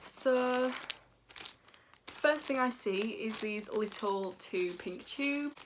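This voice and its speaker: A teenage girl, gushing and giggly as she chats through a beauty unboxing. Her voice sits a little high for a woman, and she talks in a casual, bubbly way. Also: extremely slow, noisy background. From England, North Yorkshire. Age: teens. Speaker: beauty vlogger.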